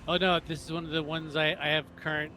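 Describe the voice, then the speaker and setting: A man's voice: fairly high pitch, little pitch movement, fast, pushed and bright, a little hiss or hum. A man chatting casually with friends as he plays a video game, thinking aloud as he goes. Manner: thinks aloud while playing. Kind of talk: casual gameplay chat with friends.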